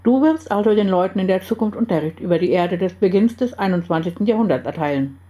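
A woman reading aloud and voicing the calm, serious male leader of a secret group. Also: medium pitch, quick pace, close to an everyday voice. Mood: grave.

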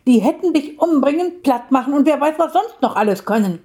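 Woman reading a hot-tempered young lioness cub in a children's storybook, high and lively. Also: brisk. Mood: indignant. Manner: lively, indignant outbursts. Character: spirited young female lion cub.

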